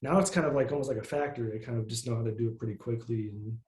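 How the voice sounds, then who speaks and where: The guest, a musician with a nasal, medium-pitched voice, races through his answers in a casual, meandering interview full of fillers. The recording has a roomy sound.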